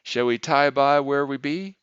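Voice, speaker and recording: A man reading a story voices a bearded, rugged canal-boat father with a folksy drawl. His tone is smooth and clear, slightly raised above the reader's own. The recording is dull, dry and lo-fi. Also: medium pitch, unhurried, fairly bright tone, no room sound, voice pushed up, close to an everyday voice. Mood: gruff easy.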